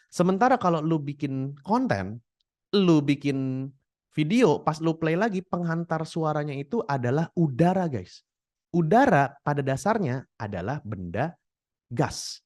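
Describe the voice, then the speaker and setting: A young man coaches would-be creators in a loose, slangy way. His pitch sits a little high and swings widely as he acts out examples. The sound is dry and close. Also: unhurried, no room sound. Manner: animated, demonstrates voices while explaining. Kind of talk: casual slangy tutorial talk.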